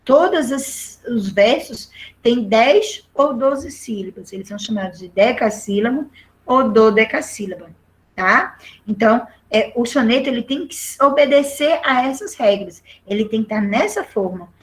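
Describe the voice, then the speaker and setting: A woman's voice: on the high side, animated, normal speed. A middle-aged Brazilian woman teaching a literature lesson, explaining patiently and often checking in with the class. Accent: Brazilian Portuguese.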